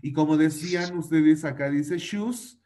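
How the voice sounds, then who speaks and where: Teaching English online to kids, this man speaks unhurriedly in a slightly high voice with a dark tone. He goes over vocabulary again and again with patience, works on their pronunciation and calls them by affectionate diminutives.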